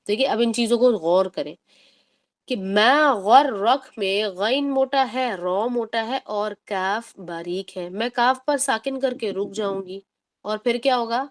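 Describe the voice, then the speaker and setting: Lady tutor explaining quran recitation rules, stretches words out slow when showing them, drops english words in. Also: on the high side. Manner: explains patiently, drawls recited words slowly to demonstrate; mixes English words into her talk. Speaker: tajweed teacher. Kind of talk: online tajweed lesson.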